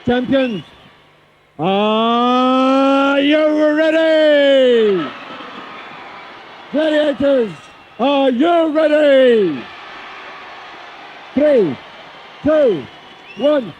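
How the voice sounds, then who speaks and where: A South African man refereeing a game show, giving slow, deliberate start commands and countdowns, heard through a worn VHS tape copy. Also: extremely high pitch, expressive, muffled recording, a little hiss or hum. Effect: worn VHS tape copy sound.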